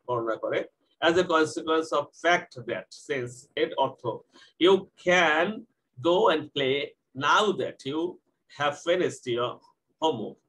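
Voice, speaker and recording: A man teaching English grammar in Bengali, asking questions and answering them himself, and reading English example sentences slowly. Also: a little high, a bit bright, poor audio.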